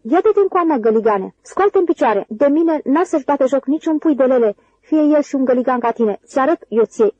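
A woman's voice: high voice, expressive, dark tone, dry recording, muffled recording, pitched above the performer's own voice. A woman voicing a short-tempered young ranch man who taunts and picks fights, read in an audiobook. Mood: belligerent.

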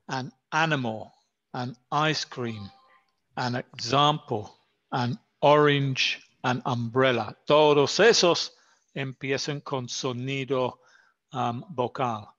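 A man whose first language is English, teaching an English grammar lesson in Spanish, slowly and carefully repeating example words for his student. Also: medium pitch, steady tone, a bit bright. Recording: slightly dull lo-fi sound.

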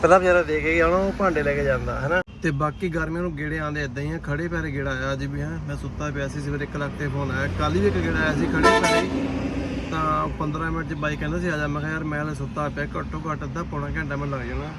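A man chats with viewers about his day as a driver. He talks in a loose, friendly way and his voice sits slightly high. He was recorded outdoors by a car, with loud road noise behind him. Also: fairly even intonation, quick pace. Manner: chatty, easygoing, addresses viewers as friends. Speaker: taxi driver vlogger. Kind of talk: casual vlog chat.

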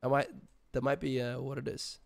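A man streaming live with a sick, hoarse voice, chatting casually with his viewers in a rambling way. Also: mid-range voice, monotone, brisk. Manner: rambling, filler-heavy, greets chat.

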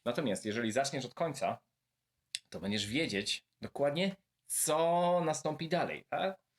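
A man giving a video lesson, speaking directly and warmly to his viewers and slowly repeating words to show how to pronounce them. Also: on the high side, expressive. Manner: friendly, addresses viewers directly. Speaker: language teacher.

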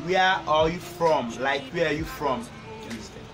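A man's voice: fairly high pitch, moderate pace. A young Nigerian man with a Nigerian accent, playfully quizzing the host with a teasing manner. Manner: teasing, keeps saying "you understand". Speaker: guest asking questions. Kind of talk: playful comic chat. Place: small indoor room before a patterned cloth. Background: music.

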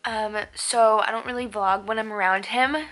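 A woman's voice: mid-range voice, fairly even intonation, normal speed, a bit bright. A young woman in her twenties, chatting casually to camera in a lifestyle vlog, bubbly and full of "like" fillers. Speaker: beauty and lifestyle vlogger.

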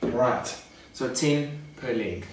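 Speaking very slowly at a medium pitch, this young adult man coaches viewers through a workout demo, addressing them as "guys" in a relaxed, instructional way. He's a fitness coach filming in his garage home gym. The camera mic sits a few metres away, which gives an echoey, distant sound and a bit of faint noise.

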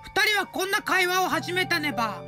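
A woman's voice: very high voice, sing-song, normal speed, bright, forceful tone, exaggerated voice. A woman voicing a cheerful cutesy mascot who narrates short stories and tacks a cute verbal tic onto every sentence. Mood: upbeat. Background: light background music.

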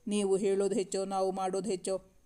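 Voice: medium pitch, completely flat delivery, fast talker, mellow, natural voice. A narrator reading a polite, deferential young helper. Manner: deferential, calls the listener sir. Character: young man, loyal helper to his boss. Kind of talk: audiobook reading of a novel.

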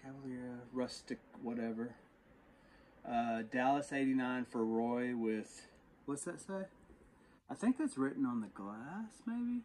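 Sorting a storage unit outside and then talking from inside his truck, a Texan reseller vlogger chats with his viewers, calling them y'all. His mid-range voice is animated, a little slow, and darkish, with faint noise behind it.

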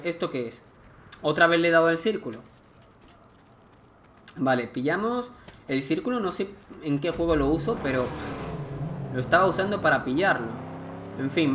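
A man commentates his gameplay in a chatty, thinking-aloud way, reading the on-screen text aloud. His voice sits fairly high for a man. A steady noise runs clearly under the recording. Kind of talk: let's play commentary.

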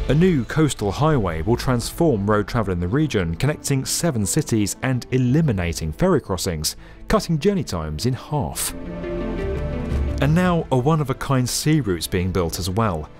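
A man narrating a scripted documentary in a lively, upbeat explainer manner. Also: mid-range voice, normal speed. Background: faint background music.

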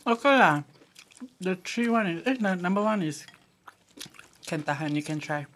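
A woman's voice: lowish voice, normal speed, a little hiss or hum. A Singaporean woman co-hosting a casual eating chat, giggly and playful in her banter. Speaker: co-host.

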